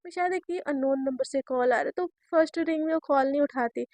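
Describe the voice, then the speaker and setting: A woman's voice: high-pitched, quick pace, a little mellow, dry recording. A woman telling a romantic story in a chatty, casual way, speaking directly to her listeners.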